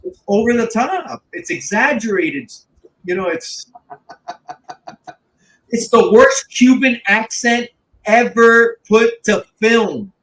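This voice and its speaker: A man in his thirties, co-hosting a podcast in casual chat, animated and often stumbling over and repeating his words. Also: sits high, slow, pauses often, rough recording. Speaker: podcast co-host.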